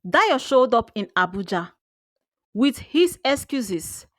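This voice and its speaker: Speaking as the tale's narrator, a Nigerian woman tells a first-person folktale with dramatic flair. Her pace is unhurried while her pitch swings with great liveliness. The audio is close and dry.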